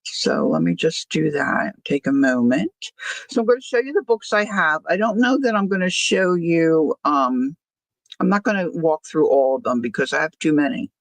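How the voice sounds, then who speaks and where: A woman's voice: sits low, lively intonation, normal speed, dry recording, poor audio. An older woman chatting casually as a livestream host, rambling easily through asides, her words slightly slurred from missing front teeth. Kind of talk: casual chat.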